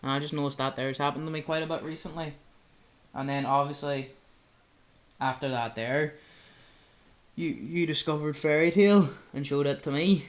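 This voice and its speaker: A man's voice: fairly high pitch, moderate pace, long pauses. A young man, co-hosting a casual chat and rambling with lots of filler words. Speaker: podcast co-host.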